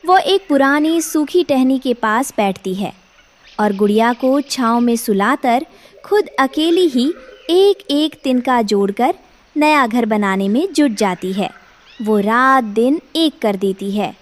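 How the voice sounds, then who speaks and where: A woman narrates a children's moral story in a gentle, instructive tone. Her voice is high and she speaks slowly, giving each phrase room. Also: animated. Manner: gentle, didactic.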